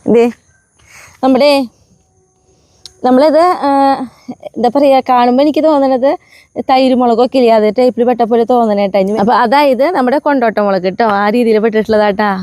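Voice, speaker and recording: A chatty woman vlogger with a Kerala Malayalam accent talks quickly and warmly straight to her viewers, her voice sitting a little high. She keeps tossing friendly asides to the audience as she goes. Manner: soft baby-talk when addressing her pets. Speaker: family vlogger. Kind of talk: casual vlog talk to camera.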